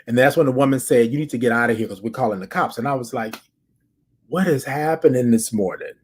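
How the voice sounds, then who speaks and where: An American man hosts a casual podcast, talking fast in a husky, mid-range voice. He chats and tells stories directly to his listeners as an audience, repeating phrases for emphasis.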